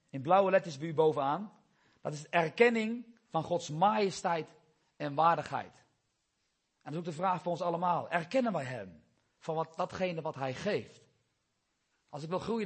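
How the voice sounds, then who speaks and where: Husky-voiced man preaching a sermon. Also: fairly high pitch. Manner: earnest, quotes scripture, rises and drops in volume.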